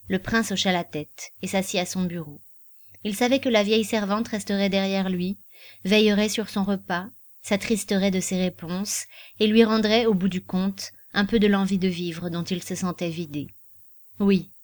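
A woman narrating a literary novel as an audiobook in a measured, expressive reading. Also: mid-range voice.

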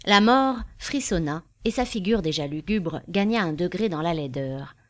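A woman narrating a story in a measured, expressive reading style. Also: lowish voice.

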